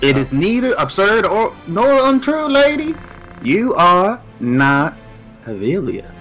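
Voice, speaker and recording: A man's voice: high-pitched, wildly swooping pitch, slow pace, fairly bright tone, faint music behind, voice pushed up, full character voice, poor audio. A man voicing a scheming young man who taunts a princess in a casual fan voice-over of a game scene, stumbling over words and laughing through lines. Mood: mocking.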